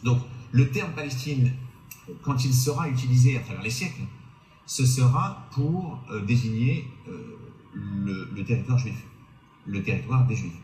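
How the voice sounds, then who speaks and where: Man, mid-pitched voice, history explainer, rhetorical questions, hesitant fillers, roomy echo. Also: expressive, a little slow, mellow, faint music behind. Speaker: history video presenter. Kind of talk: explanatory history narration to camera.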